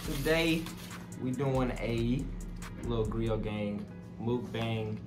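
A man's voice: medium pitch, slow pace. A man hosting a casual food chat with friends, talking in a loose, rambling way and swearing freely. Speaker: host. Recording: roomy echo, from far off, loud music behind.

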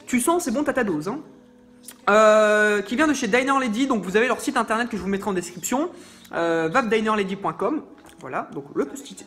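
A man unboxes vape products with a playful, self-mocking humor, tossing out animated asides as he goes. Faint music plays quietly behind his voice. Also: very high-pitched. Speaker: vape reviewer. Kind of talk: joking unboxing vlog.

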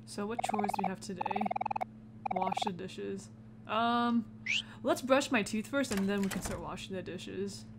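In a very noisy recording, a gaming video host with a medium-pitched voice gives unhurried let's play commentary. She thinks aloud chattily and reads the game text as she goes.

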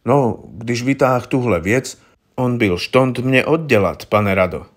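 A man reading aloud, voicing a frightened small-time safecracker who talks plaintively in rough slang. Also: medium pitch, lively intonation, natural voice. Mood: pleading.

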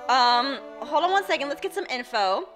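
A woman's voice: sits high, expressive, moderate pace. A young woman hosting a game video, playful and bubbly, tripping over odd words with game music behind her. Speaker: host. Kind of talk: excited gameplay commentary.

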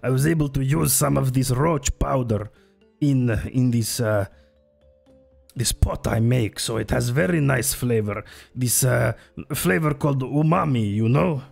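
A man playing a nervous, caring innkeeper who speaks in broken, halting English with many hesitations. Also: medium pitch, creaky, darkish tone, faint music behind. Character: nervous caring male innkeeper from a freed people, broken grammar.

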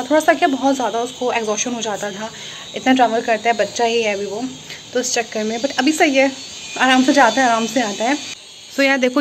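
A young woman vlogging, chatting casually and quickly to her viewers. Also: fairly high pitch, a little hiss or hum. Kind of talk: casual chat.

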